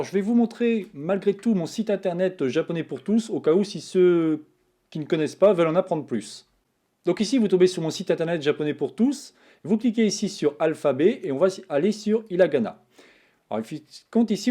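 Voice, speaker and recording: A man's voice: high voice, a little fast. A man hosting a Japanese lesson, chatting casually while he draws characters on a tablet. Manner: relaxed, chatty, talks while drawing strokes. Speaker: Japanese teacher, channel host. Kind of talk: casual screen-tablet writing tutorial.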